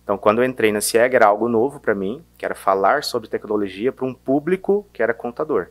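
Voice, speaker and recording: A man from Minas Gerais with a softened Mineiro accent, talking casually as a sales guest, hesitant with many restarts and fillers. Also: on the low side, quick pace. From Minas Gerais, Brazil. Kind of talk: casual interview chat.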